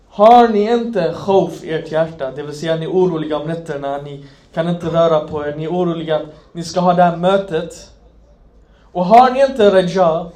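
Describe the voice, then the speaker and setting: A man preaching an Islamic sermon, impassioned, swinging from loud emphasis to hushed near-whispers. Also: high voice.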